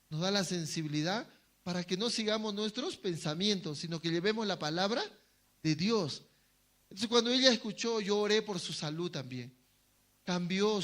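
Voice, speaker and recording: A man's voice: sits high, a bit bright. A man preaching a sermon to his congregation, asking them questions and answering them himself, sometimes acting out short quoted voices. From Bolivia. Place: church hall.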